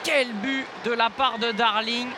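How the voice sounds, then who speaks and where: Male football commentator, very high pitch, excited sports commentary, noisy outdoor ground. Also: unhurried. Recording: clear outdoor stadium noise behind. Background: outdoor ambience of a football match.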